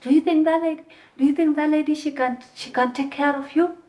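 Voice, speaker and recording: A woman putting on the voice of a furious bossy woman modeling agent, scolding at a raised pitch. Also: steady tone, brisk, a little mellow, roomy sound, natural voice. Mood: accusing.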